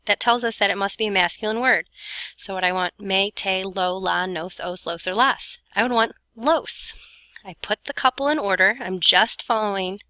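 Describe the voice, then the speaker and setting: Female teacher for a recorded lesson: bright, dry sound, informal and self-correcting, audibly short of breath with heavy breathing. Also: mid-range voice, dry recording. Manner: breathing heavily while talking; informal, talks students through each step, self-correcting. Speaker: Spanish teacher recording an explanation for students. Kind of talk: step-by-step grammar lesson narration.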